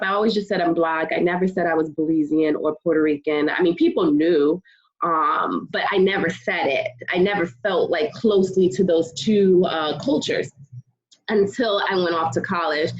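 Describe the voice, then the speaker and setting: A woman from Connecticut, a guest on a podcast, talking calmly about her background and sounding a little tired. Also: on the low side. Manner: calm, thoughtful, many ums. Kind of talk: relaxed interview talk. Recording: dull lo-fi sound.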